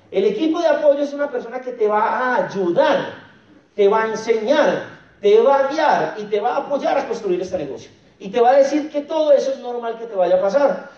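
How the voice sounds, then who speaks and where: A man's voice: extremely high pitch, warm tone. A man giving a motivational stage talk at a business convention, joking and firing rhetorical questions at the crowd. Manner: jokey, keeps asking the crowd rhetorical questions. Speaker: network marketing leader speaking at a convention. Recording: echoey, dull hall sound from far off.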